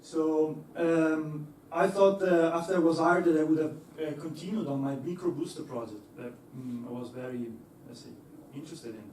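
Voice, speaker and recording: A young male engineer gives a talk in a lecture hall, his voice a little high and a little mellow, at normal speed with few pauses. He hesitates, laughs easily, and fills his speech with fillers and restarts. The hall is echoey, he sounds far off, and there's slight background noise.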